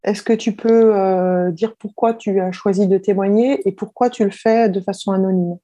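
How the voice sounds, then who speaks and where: A woman interviewer asking calm questions. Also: medium pitch, normal speed, no echo.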